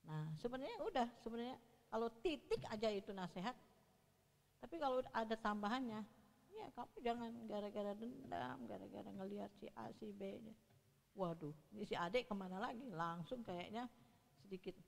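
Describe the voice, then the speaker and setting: A woman in her sixties preaches a church sermon in an expressive, creaky, medium-pitched voice at a moderate pace. She tells stories, acts out quotes, and asks the congregation questions, all in a reverberant hall.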